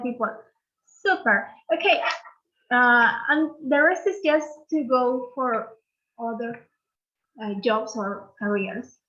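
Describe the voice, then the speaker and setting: A Peruvian woman teacher with a high voice and a Peruvian Spanish accent runs an online English lesson, patiently repeating phrases for learners to imitate. The audio sounds dull.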